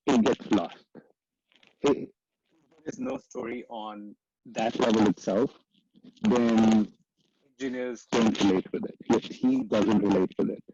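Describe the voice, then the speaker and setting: A man's voice: mid-range voice, darkish tone. A man on a panel over a video call, his stream quality dropping so his voice breaks up, speaking thoughtfully with lots of restarts. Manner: thoughtful, many restarts and fillers. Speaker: product manager panelist. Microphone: computer mic on a video call, before switching to headphones. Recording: lo-fi, dull internet call audio.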